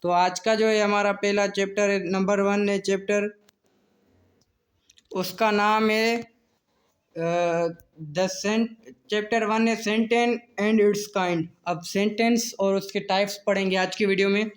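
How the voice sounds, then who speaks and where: Slow, high-voiced male grammar teacher. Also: fairly even intonation. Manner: slow, repetitive, answers his own questions; mixes Hindi-Urdu talk with English terms. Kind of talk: self-made grammar lesson video.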